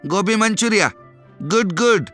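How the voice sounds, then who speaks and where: A man's voice: sits high, expressive, slow pace, pushed and bright, faint music behind, exaggerated voice. A man voicing a cheerful young village cook who speaks in choppy, broken English and repeats his words. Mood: eager.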